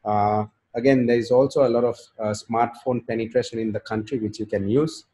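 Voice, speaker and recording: A man giving a business pitch, steady and explanatory with some fillers. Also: a little fast. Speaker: startup presenter.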